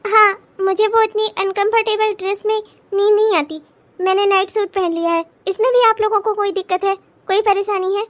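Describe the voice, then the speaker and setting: A woman's voice: very high-pitched, steady tone, moderate pace. A woman voicing a headstrong young bride in a cartoon, speaking bluntly and defiantly. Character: headstrong young bride refusing her new marriage. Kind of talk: cartoon voice acting.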